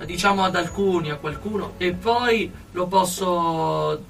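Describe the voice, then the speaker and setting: High, bright-voiced young man, earnest. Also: unhurried, vocal fry, distant mic, soft background music, poor audio. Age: young adult. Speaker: interview guest, aspiring musician. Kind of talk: earnest spoken interview answers. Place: radio studio.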